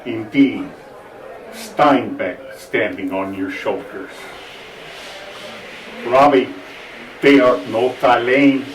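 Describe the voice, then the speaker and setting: A man recites literary prose slowly, heard from a distance in a roomy space. His delivery is solemn and oratorical, as at a live open-mic reading. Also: mid-range voice. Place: bar open-mic night, distant microphone. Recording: echoey room, distant, faint noise.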